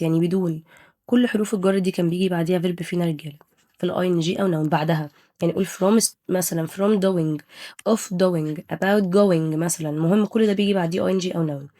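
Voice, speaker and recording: A woman's voice: fairly low pitch, dark tone. A young woman with an Egyptian Arabic accent teaching an English exam review, firing questions at students and answering them herself, mixing Arabic with English words.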